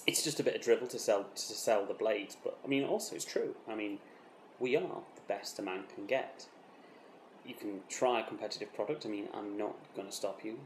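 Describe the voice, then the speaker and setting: Lightly acted and sounding defensive and insistent, a man voices a self-important British razor developer in a mock documentary interview. He speaks in a lowish voice, boasting with deadpan earnestness and false modesty, stopping and repeating himself defensively in an improvised-sounding monologue. The recording has roomy echo and faint background noise.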